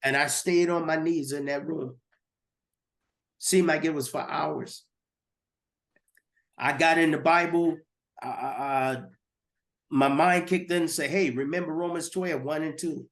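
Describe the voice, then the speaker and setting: A man's voice: a little high, steady tone, a little slow, pauses often. A man giving a personal testimony as a guest, earnest and repeating words as he goes.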